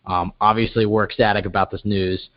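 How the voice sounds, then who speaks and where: A man's voice: lowish voice, little pitch movement, a little fast, dull audio. A male podcast co-host in casual sports chat, talking upbeat and steering the show to its close.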